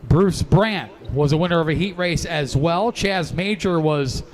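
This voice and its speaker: A man's voice: fairly high pitch, measured pace. A man working as a race announcer, giving live motorsport commentary in a proclaiming track announcer's delivery. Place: broadcast booth at a racetrack. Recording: background noise at outdoor race.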